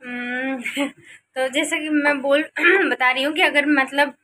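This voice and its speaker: A young adult woman talks in a casual home vlog, her voice high and sharply bright. She coaxes her baby in a sing-song tone and then chats on in an easy, rambling way with her viewers. A faint hiss of noise sits under the recording. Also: fairly even intonation, slow pace. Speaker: vlogger and mother.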